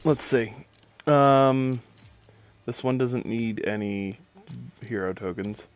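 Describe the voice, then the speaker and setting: A man casually commenting on his video game playthrough, muttering quietly to himself. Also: medium pitch, slow. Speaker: gameplay streamer.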